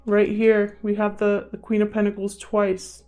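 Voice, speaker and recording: With background music playing, a woman tarot reader hosts an improvised reading on her channel, speaking conversationally and thinking aloud to the cards and her viewers. Her middling-pitched voice is monotone, smooth and dark-toned, at a measured pace.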